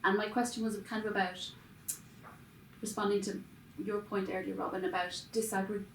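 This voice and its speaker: A woman asks a panel a careful, probing question in a gravelly voice. She is heard from afar in an echoey room with some ambience. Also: medium pitch, level tone, moderate pace, a little hiss or hum. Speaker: audience member asking a question. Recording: echoey room, far from mic.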